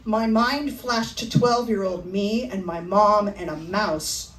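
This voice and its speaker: A middle-aged woman performing a personal memoir at a live storytelling event, with a wry, animated delivery. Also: medium pitch, slow pace, echoey room, recorded from a distance, rough recording.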